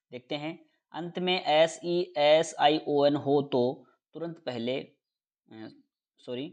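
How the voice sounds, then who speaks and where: A man's voice: a little high, darkish tone. Hindi-speaking man teaching English sounds. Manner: spells letters slowly, then explains rules quickly. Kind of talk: Hindi classroom lesson spelling out words.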